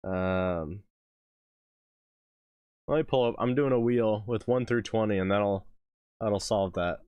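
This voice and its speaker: A man's voice: lowish voice, slow, darkish tone, clean tone, no room sound. A man who is losing his voice, hosting a music reaction live stream and chatting casually with viewers, rambling and laughing between thoughts. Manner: rambling, self-interrupting, laughs often.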